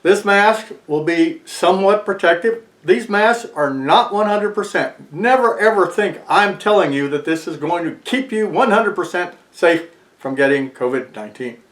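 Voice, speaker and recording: A man's voice: high voice, expressive, normal speed, a bit bright. An American man in his sixties explains things casually to camera, speaking slightly muffled through a face mask. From lives in Texas, United States. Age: 60s. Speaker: video presenter. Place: small furnished room indoors, seated in armchair. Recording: echoey small room.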